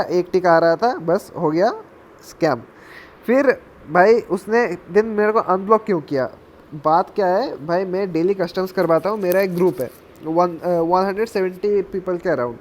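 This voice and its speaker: High-voiced young man in a casual vlog. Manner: chatty, mixes in English and calls listeners "bhai". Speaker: gaming channel creator. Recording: slightly dull audio with faint background noise.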